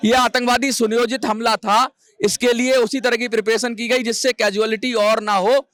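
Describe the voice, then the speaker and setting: A man's voice: extremely high pitch, level tone, normal speed, a bit bright. A man answering as a guest analyst in a news debate, explaining at length, restarting and stumbling over words.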